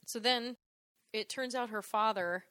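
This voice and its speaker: A woman co-hosting a casual movie recap chat, animated and laughing often, with some swearing. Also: on the high side, unhurried, dry recording, studio quality. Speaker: podcast co-host.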